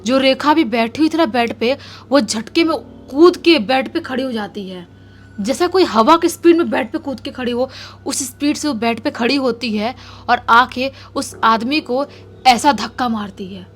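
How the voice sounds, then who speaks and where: A woman's voice: high voice, normal speed. A woman narrating a horror story in a casual, conversational way, repeating lines for emphasis.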